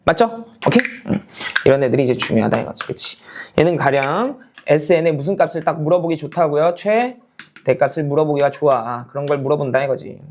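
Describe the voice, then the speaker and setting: A man's voice: a little high, animated, fairly quick, a little hiss or hum. Man, math teacher, lecture, step-by-step explaining, frequent check-ins, casual and polite speech mixed. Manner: constantly checks in with the class, switching between casual and polite speech; explains step by step, repeating key points. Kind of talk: lecture to students.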